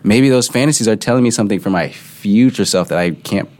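A young man co-hosts a casual podcast chat, thinking aloud reflectively and using lots of fillers, especially "like." He talks fast in a fairly low voice with a darkish tone.

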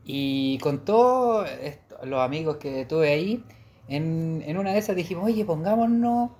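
A young man with a Chilean Spanish accent, co-hosting a casual chat in a relaxed, rambling way. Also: fairly high pitch, a little slow. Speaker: podcast co-host.

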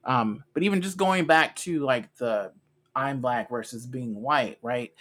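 A man's voice: medium pitch, unhurried, a bit bright. An American man co-hosting a casual podcast, explaining his views earnestly and at length, often restarting his phrases. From United States. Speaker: podcast co-host.

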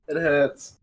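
A man with a New Zealand accent, co-hosting a podcast in laid-back, rambling casual chat. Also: a little high. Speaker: podcast co-host.

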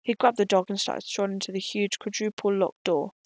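Woman storyteller reading her tale plainly, creaky tone, dry close sound. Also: medium pitch, fairly even intonation, fairly quick, dry recording. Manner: plain reading with slips and restarts. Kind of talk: reading an original story aloud.

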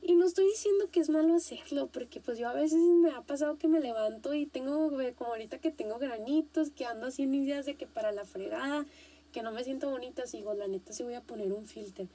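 A young Mexican woman hosting a casual podcast, animated and slangy, repeating herself for emphasis. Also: high-pitched, fast talker. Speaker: podcast host.

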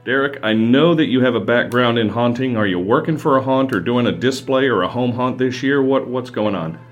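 A radio host with a medium-pitched voice talks a little fast, delivering his announcements in a folksy, showman-like style with emphatic phrasing. Faint music runs under the dull-sounding recording.

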